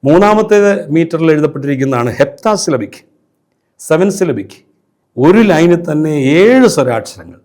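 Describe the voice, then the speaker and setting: A priest with a Kerala Malayalam accent giving a liturgy lesson, measured and explanatory, with frequent hesitation fillers. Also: male voice, a little high, sing-song, a little mellow. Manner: measured teaching with frequent fillers, briefly chants Syriac hymn lines. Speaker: priest lecturer. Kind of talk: liturgy lecture.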